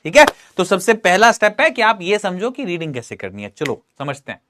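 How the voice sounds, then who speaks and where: A man's voice: sits high, huge pitch swings, a little fast, bright, forceful tone. A man teaching an exam-prep English lesson, coaxing his students and asking and answering his own questions.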